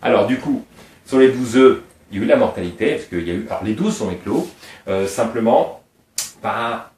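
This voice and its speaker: This middle-aged snake breeder from Réunion Island has a lowish, slightly mellow voice with lively intonation and a somewhat fast pace. He talks informally and at great length, digressing and adding detail after detail about his animals, recorded roomily from afar.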